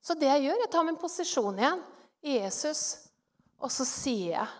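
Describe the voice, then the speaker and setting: High-voiced woman telling a testimony. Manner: animated storytelling, acting out her own thoughts. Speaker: speaker giving a testimony. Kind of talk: personal testimony. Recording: long hall reverb.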